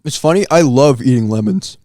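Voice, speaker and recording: A man's voice: mid-range voice, lively intonation, a little fast, darkish tone, no echo, studio quality. A man co-hosting a casual podcast, talking while eating sour candy and rating it with enthusiasm. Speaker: podcast co-host. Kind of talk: casual chat, taste-testing sour candy.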